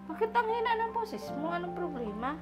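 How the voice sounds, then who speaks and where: A woman vlogger in casual chat, coaxing and repeating her questions loudly to an elderly woman. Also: extremely high pitch, sing-song, brisk, over loud music.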